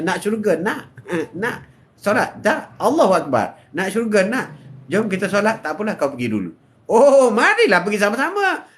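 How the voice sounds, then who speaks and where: An older man with a Malaysian Malay accent giving a live religious talk, swinging between loud, high exhortation and low murmurs. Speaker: religious speaker.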